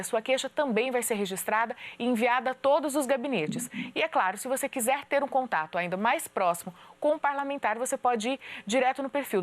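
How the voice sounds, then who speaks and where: A woman from interior São Paulo, hosting a TV interview and reading out contact information with a clear, practiced presenter delivery in a studio. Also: a little high. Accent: Brazilian Portuguese, São Paulo interior. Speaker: TV host. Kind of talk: TV interview and announcement. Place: TV studio of a city council.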